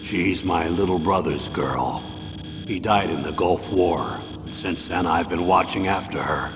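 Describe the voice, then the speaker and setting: A man's voice: low-pitched, measured pace. A man voicing a grave, earnest retired colonel giving a commanding mission briefing in a video game. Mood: grave, businesslike. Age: older. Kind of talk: dramatic video game voice acting. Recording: long hall reverb, music behind.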